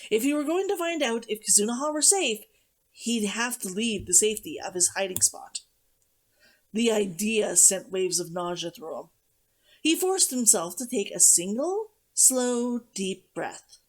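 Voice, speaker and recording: A woman narrates fiction in an audiobook style with a middle-pitched voice. Her intonation is lively and swings widely, giving the reading an expressive, dramatic storytelling feel. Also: measured pace, poor audio. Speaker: streamer reading a novel aloud.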